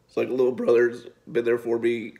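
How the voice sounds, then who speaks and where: A man, a physique coach giving a heartfelt personal video update, halting and fighting back tears. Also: medium pitch, monotone, vocal fry, dark tone. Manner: halting, repeats words, speaks from the heart. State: tearful, voice breaking at times.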